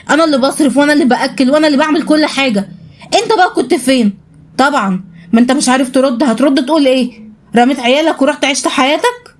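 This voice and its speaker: A woman with an Egyptian accent voicing an outraged middle-aged mother who scolds fast. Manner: scolding, high-pitched and fast. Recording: voice over loud background music.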